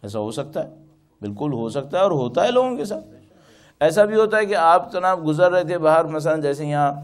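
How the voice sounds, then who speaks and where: A man's voice: fairly high pitch, expressive. A man giving a religious talk as a cleric, telling anecdotes with rhetorical questions and acted-out dialogue. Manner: storytelling, rhetorical questions, acts out quoted dialogue.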